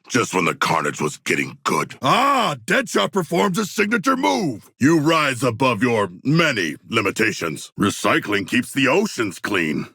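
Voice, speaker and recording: A huge shark warrior from a video game, proud, earnest and hungry for battle. The voice is forceful and gravelly, with a raspy edge. He speaks in lofty, formal phrases, as if every remark were a noble proclamation. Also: medium pitch, dry recording, clean studio sound, heavily acted. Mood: rousing, grand. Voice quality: gravelly, rough. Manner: formal, grandiloquent, literal-minded diction. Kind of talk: video game character voice lines.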